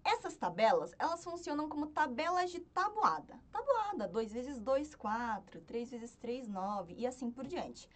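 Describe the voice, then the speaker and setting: Patient woman teaching, lively high voice. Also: unhurried, hardly any pauses. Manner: patient, repeats and checks with "certo?". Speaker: Korean language teacher. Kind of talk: spoken lesson, chanting syllables.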